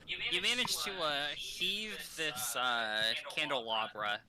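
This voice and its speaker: A man running a tabletop session, his voice rising and falling a lot as he narrates, loose and full of little ums. Crowd chatter sits clearly behind him. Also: fairly high pitch, sing-song, takes it slowly, poor audio. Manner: loose, hesitant narration with fillers. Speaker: game master.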